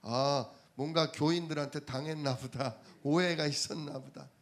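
A man's voice: a little high, fairly even intonation, normal speed. A man preaching a sermon, telling everyday stories and asking the congregation rhetorical questions. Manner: conversational storytelling from daily life.

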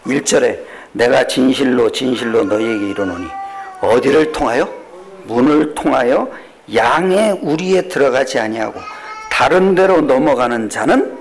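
A man preaching a sermon as pastor, asking the congregation questions and answering them himself, swinging between shouted high peaks and low murmured asides. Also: slight background noise.

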